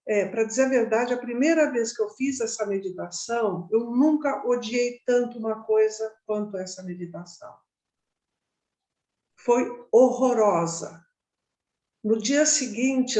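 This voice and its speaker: A woman's voice: fairly high pitch, unhurried, mellow. A woman teaching a meditation class in a conversational way, often checking in with her listeners. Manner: conversational, frequent tag questions. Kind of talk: informal class talk. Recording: roomy echo.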